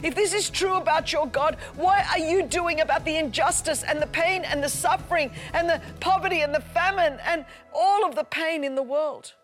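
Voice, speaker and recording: Her voice is very high-pitched, at normal speed with few pauses, and music plays in the background. This native Greek-speaking woman gives a sermon through impassioned storytelling that climbs to loud, emphatic repetition.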